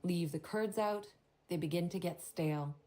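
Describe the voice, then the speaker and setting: A woman's voice: on the low side, normal speed, mellow, lightly acted. A woman voicing a prim, formal hotel desk clerk in a video game who turns catty and gossipy.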